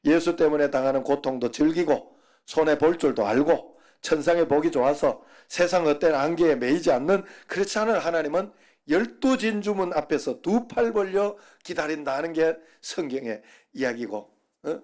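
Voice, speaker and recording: A man's voice: a little high, normal speed, darkish tone. A middle-aged man preaching a Sunday sermon, folksy and humorous, telling dialect jokes to the congregation. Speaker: pastor.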